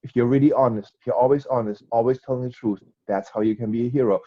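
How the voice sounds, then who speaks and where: A man's voice: medium pitch, steady tone, fast talker, dull audio. A man co-hosting a children's show in a chatty presenting style.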